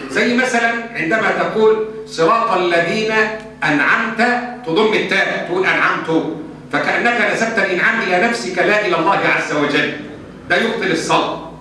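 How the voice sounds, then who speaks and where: Fast, bright-voiced Egyptian sheikh in echoey hall. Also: male voice, high-pitched. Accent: Egyptian Arabic. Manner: emphatic, switches between formal and colloquial speech. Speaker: Islamic scholar answering questions. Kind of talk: religious Q&A lesson. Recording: echoey hall from far off, faint hum.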